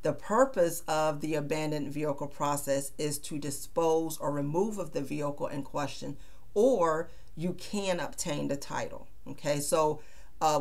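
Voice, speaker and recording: Middle-aged woman, low voice, talking slow and careful into her webcam at the office, lots of uh and you know. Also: darkish tone. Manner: measured, deliberate, with frequent "uh" and "you know". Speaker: title service business owner explaining vehicle title processes. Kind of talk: explainer video. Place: small office. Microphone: webcam at desk.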